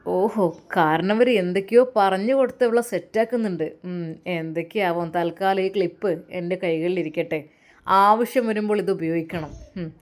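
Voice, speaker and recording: A woman's voice: lowish voice, moderate pace, lightly acted. A woman voicing a sly, scheming male doctor muttering plans to himself, in a Malappuram Malayalam accent.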